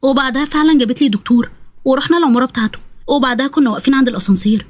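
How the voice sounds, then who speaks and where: A woman with an Egyptian accent narrating a dramatized story. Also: sits high. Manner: rapid, plain storytelling.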